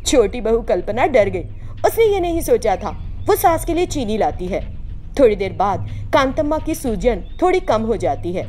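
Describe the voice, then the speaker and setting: A woman giving scripted narration for an animated storybook, in an expressive storytelling manner. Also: on the high side, normal speed, slight background noise.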